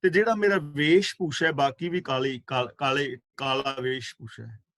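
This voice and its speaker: A man giving a scripture class, reciting verses slowly and explaining their pronunciation and meaning, with fervent rhetorical questions. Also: mid-range voice, fairly even intonation, a bit bright, dry recording. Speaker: katha preacher. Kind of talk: scripture exposition.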